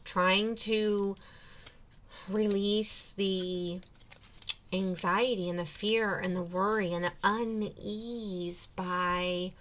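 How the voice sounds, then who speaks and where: A young woman hosts a tarot reading, speaking slowly and soothingly. She drifts along with frequent ums and pauses at a middling pitch, as if thinking aloud for her viewers. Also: steady tone, a bit bright, a little hiss or hum. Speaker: tarot reader.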